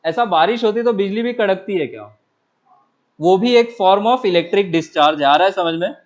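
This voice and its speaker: A physics teacher, a man with a high voice, lectures a classroom, putting questions to his students and answering them himself. He keeps checking whether they follow. The recording is dull and lo-fi. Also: a little slow. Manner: coaxing, repeatedly checks understanding.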